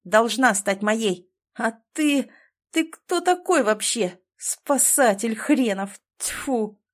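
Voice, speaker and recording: A woman's voice: fairly high pitch, animated, takes it slowly, voice pushed up. A woman voicing an arrogant, threatening rich man in an audiobook, reading his lines in a sneering, taunting way. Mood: shouting.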